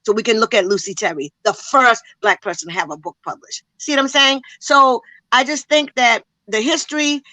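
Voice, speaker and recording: A woman's voice: on the high side, moderate pace, hardly any pauses, pushed and bright, no echo, low-quality recording. A woman community educator speaking with passion in a panel discussion, emphatic and full of rhetorical questions, a little out of breath.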